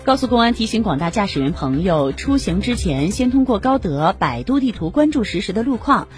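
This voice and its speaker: A woman's voice: medium pitch, sing-song, brisk, soft background music. A woman radio presenter reading scripted news bulletins in a formal manner.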